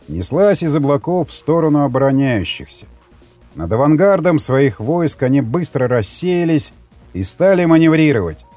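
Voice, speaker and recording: Male narrator, expressive dark voice, faint music underneath. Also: medium pitch. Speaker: audiobook narrator. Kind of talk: dramatic audiobook narration.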